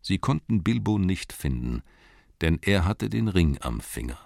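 Deep-voiced man reading a storybook. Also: unhurried, vocal fry, no echo, clean studio sound. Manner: expressive reading, voicing characters briefly. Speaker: audiobook narrator. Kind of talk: scripted storybook narration.

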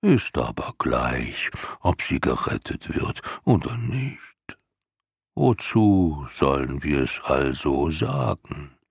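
A man voicing an ancient, weary giant female turtle who speaks slowly and apathetically in a wheezing, whispery voice. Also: rumbling low, sing-song, vocal fry, slightly rough, dry recording, clean studio sound, heavily acted. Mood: indifferent. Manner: drawn-out, apathetic, snuffling.

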